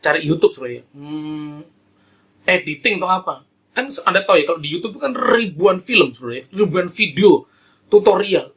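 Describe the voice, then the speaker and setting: A man's voice: a little high, moderate pace, a bit bright, breathy edge. A middle-aged male pastor preaching a sermon and praying for his congregation, with emphatic rising exclamations and frequent direct address to his listeners.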